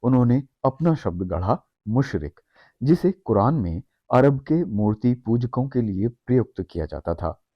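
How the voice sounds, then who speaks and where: A man narrating a scripted history explainer in a measured, steady read-aloud manner. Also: medium pitch, no room sound. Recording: dry, slightly dull studio voice-over.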